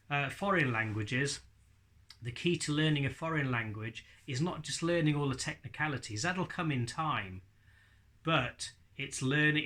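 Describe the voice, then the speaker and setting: Bright-voiced man teaching informally. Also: fairly high pitch. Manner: jokey, chatty asides. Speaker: ventriloquism teacher. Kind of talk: informal instructional video talk.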